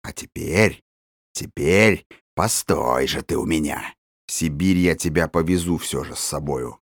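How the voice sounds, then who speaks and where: A man voicing a coarse, menacing male forest tramp in an audiobook, with a rough, hoarse voice and slow, gloating, threatening delivery. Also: extremely low pitch, dry recording, studio quality, exaggerated voice. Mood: hissing threat.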